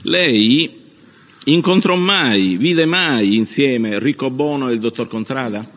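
A man cross-examining a witness as a lawyer in court, formal and probing, with halting phrasing. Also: mid-range voice, lively intonation, a bit bright. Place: large reverberant courtroom. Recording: echoey courtroom with long reverb.

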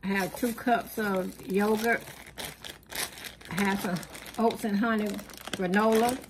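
A channel host with a mid-range voice and steady tone casually lists her grocery haul item by item, off camera at home. The delivery is plain and unhurried with many fillers, and there's background noise.

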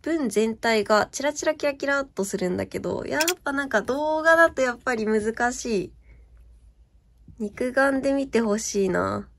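A woman's voice: a little high, normal speed, creaky, a bit bright. Bubbly young woman gushing over ink. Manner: gushing, chatty, often asks viewers if it shows. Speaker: stationery vlogger. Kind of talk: casual show-and-tell chat.

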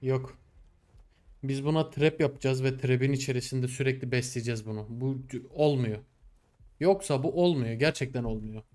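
A young man giving casual gameplay commentary, exasperated, talking to the game and his animals and swinging between low muttering and loud outbursts. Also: steady tone, normal speed. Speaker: gameplay streamer.

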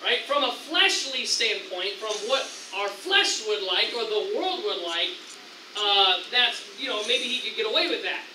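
In a roomy church sanctuary, an American pastor with a high, very bright voice delivers a sermon at a measured pace. He preaches with animation, leaping into excited lines as he acts out tempters. His voice carries from some distance from the mic, with faint hiss underneath.

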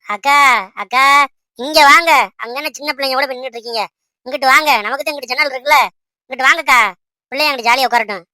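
A woman's voice: high-pitched, fast talker, pushed and bright, dry recording. A woman voicing a chatty young village woman in a comedy cartoon, who talks in an eager, pleading way. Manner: pleading, rustic village speech.

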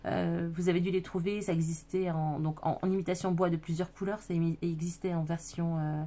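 A woman's voice: fairly low pitch, little pitch movement, fairly quick, warm tone. Hesitant woman chatting through a craft demo. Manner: hesitant, many fillers and self-corrections; chatty, addresses viewers directly. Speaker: scrapbooking video maker. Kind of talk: casual craft show-and-tell.

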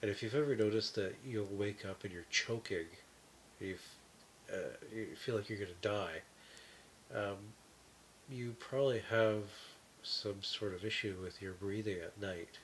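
A man talking from his bed through a breathing mask, his voice nasal and muffled, halting with many fillers. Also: on the low side, slight background noise. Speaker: vlogger. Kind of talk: casual talk to camera. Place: bedroom, lying in bed.

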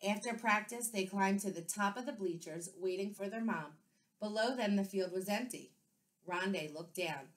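A woman second-grade teacher reading a children's book aloud with clear, expressive storytelling. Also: mid-range voice, normal speed.

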